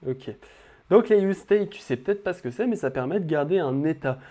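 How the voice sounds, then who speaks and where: A man's voice: on the high side, lively intonation, a little fast, warm tone. A young man walking viewers through building an interface in a casual screen-recorded coding tutorial, talking straight to the viewer with frequent fillers.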